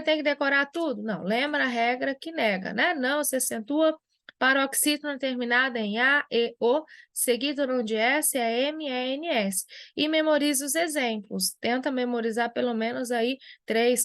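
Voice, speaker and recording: A teacher with a fairly high voice works through grammar rules at a whiteboard. She explains step by step and answers the questions she imagines her students asking. The sound is dry and close, with little room echo. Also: normal speed, fairly bright tone. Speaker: Portuguese language teacher. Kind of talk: classroom lesson at a whiteboard.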